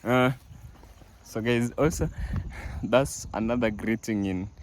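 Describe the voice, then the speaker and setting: This casual walk-through vlog features a young man from East Africa on his family farm outdoors. His mid-range voice is slow, he restarts often and uses many fillers, and there's a little hiss or hum.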